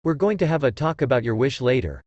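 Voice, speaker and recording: Guy doing a deadpan young ninja dude, dry close sound. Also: mid-range voice, fast talker, dry recording, lo-fi sound.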